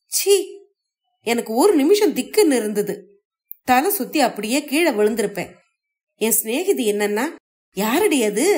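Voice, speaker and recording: A woman lifts her voice into a jealous young wife who snaps back in reproachful, indignant bursts, her voice pitched higher and pushed louder than the storyteller's own. An audiobook figure, sharp-tongued and quick to feel wronged. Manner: indignant, reproachful, tearful outbursts.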